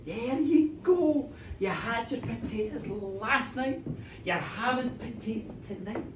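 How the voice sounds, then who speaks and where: Play the ghost of a poor woman, bitter to the bone, dragging out every sarcastic word. Keep it lively in pitch, as a storyteller a man does her live, heard from across a reverberant pub with faint chatter behind. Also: noisy background, exaggerated voice. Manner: sneering, slow and sarcastic. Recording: echoey pub room, distant mic.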